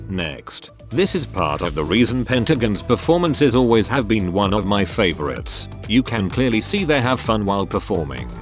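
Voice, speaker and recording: A male text-to-speech robot voice hosting a channel, delivering blunt, opinionated commentary. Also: on the low side. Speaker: channel host.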